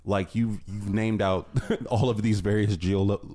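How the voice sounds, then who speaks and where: A man hosting an interview, talking excitedly and rambling with lots of fillers. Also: on the low side, measured pace. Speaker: podcast host. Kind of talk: casual interview.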